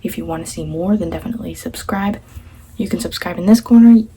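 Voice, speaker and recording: Mellow young woman musing in a vlog. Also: fairly low pitch, fast, breathy edge, low-quality recording. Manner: musing, repeats herself, many fillers and soft half-whispered asides. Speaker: vlogger. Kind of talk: casual reflective vlog.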